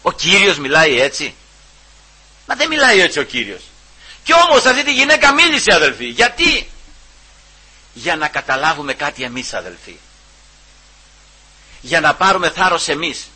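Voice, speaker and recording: A man preaching a sermon, repeatedly calling out to his brothers and swinging between loud emphasis and hushed asides. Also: fairly high pitch, sing-song, pauses often, slightly rough, poor audio.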